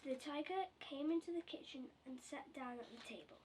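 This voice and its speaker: A woman's voice: high voice, fairly quick. A woman reading a children's picture book aloud, recorded from a distance. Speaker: storybook reader. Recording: distant mic with faint background noise.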